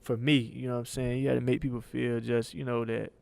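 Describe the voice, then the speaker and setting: Thirties male host, gravelly, laid-back conversational delivery. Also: medium pitch, fast talker. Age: 30s. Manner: relaxed, repeats "you know what I'm saying". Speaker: podcast host. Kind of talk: casual chat.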